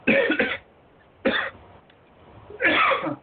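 A man's voice: very high voice, wildly swooping pitch, very slow, a little hiss or hum. A man calling in on a cell phone, his voice hollow and distant as if inside a well, chatting casually and laughing at his own remarks. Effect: hollow, distant cell phone sound, as if inside a well. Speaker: call-in co-host. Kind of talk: casual chat. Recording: tinny phone line from far off.

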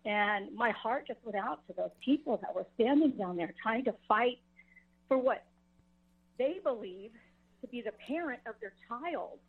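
A woman's voice: fairly high pitch, lively intonation, measured pace, breathy edge. An older woman, a grandmother, calling in to a radio talk show over the phone, talking earnestly and rambling with frequent restarts. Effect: heard over the phone. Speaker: caller. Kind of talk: call-in radio chat. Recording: tinny phone line.

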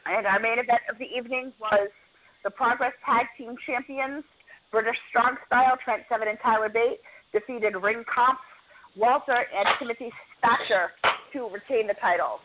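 Woman, podcast co-host, chatty storyteller, fairly high voice, phone-like audio. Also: moderate pace, a little hiss or hum. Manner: chatty storyteller, rattles off match results. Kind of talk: casual podcast chat.

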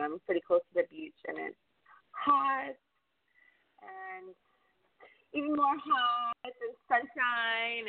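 Easygoing lady co-host, raspy low voice, dry tinny phone sound. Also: no room sound. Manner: relaxed, easygoing, lots of fillers. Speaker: radio show co-host. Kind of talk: casual talk-radio chat.

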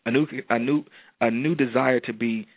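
A man's voice: mid-range voice, steady tone, moderate pace, slightly rough, dry recording, narrow, tinny audio. A man giving motivational, preacher-like speech, emphatic and repeating his phrases like a refrain. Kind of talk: motivational speech turning into prayer.

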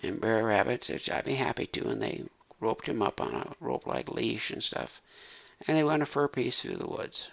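A man telling a true story in an unhurried, animated, folksy way. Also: medium pitch, vocal fry. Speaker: storyteller recounting a true case. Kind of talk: spoken storytelling. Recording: dull lo-fi recording.

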